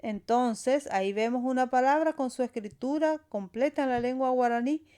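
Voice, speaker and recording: A woman's voice: high-pitched, normal speed, warm tone, clean tone. A woman teaching a language lesson, saying sounds and words one at a time and stressing the final syllables. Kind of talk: slow explanatory lesson.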